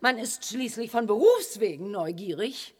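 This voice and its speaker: A flamboyant, nosy reporter in an audio drama. Her voice is raised and very animated, with a slightly husky edge. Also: on the high side, normal speed. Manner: theatrical, gushing.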